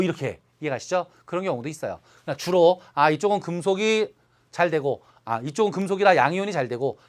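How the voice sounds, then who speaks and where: Man, chemistry lecturer, high voice, very expressive pitch, stretches key syllables, checks in often. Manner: constant check-ins with students, emphatic drawn-out syllables. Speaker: chemistry teacher. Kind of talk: online lecture.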